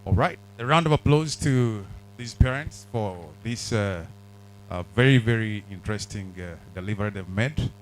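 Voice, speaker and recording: Low-voiced male event host. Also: moderate pace, a little hiss or hum, rough recording. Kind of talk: hosting an event.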